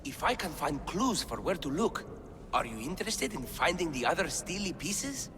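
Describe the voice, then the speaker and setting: In a game cutscene, an actor plays an eager male scholar who decodes ancient writing and enthusiastically describes his discoveries. His voice is a little high and sing-song at a moderate pace, with a long reverb tail and background noise.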